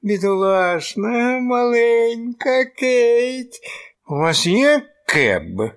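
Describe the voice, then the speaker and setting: A man's voice: very high-pitched, sing-song, very slow, clear, resonant tone, full character voice. An actor playing a dazed, rambling male opium addict in a radio play, slurring and giggling.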